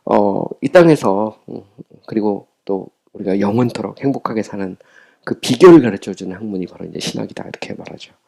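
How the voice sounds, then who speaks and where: Gravelly low-voiced man lecturing. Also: warm tone. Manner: reads English lines slowly, then explains in Korean with frequent tag questions. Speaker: professor teaching a theology text. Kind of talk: lecture reading an English text aloud.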